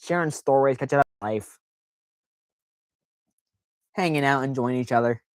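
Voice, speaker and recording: A man's voice: medium pitch, normal speed, clean tone, no echo. Rambling man hosting a chill stream. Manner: rambling, self-deprecating, filler-heavy. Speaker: live stream host. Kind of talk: casual live stream chat.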